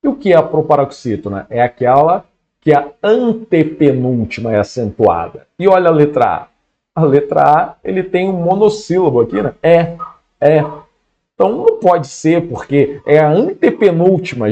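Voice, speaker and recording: A man's voice: on the high side, sing-song, normal speed, gravelly, mellow, dull audio. A man with a Brazilian Portuguese accent giving an exam-prep grammar lesson in a casual way, often checking in with his students. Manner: casual, keeps checking in with "beleza?".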